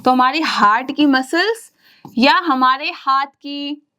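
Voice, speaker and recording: A woman's voice: high voice, takes it slowly, sharp tone. A woman gives a science lesson to young children. She keeps asking the class questions, answers them herself, and checks in often to see that they are following. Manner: frequent check-ins to the class; clears throat now and then. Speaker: teacher.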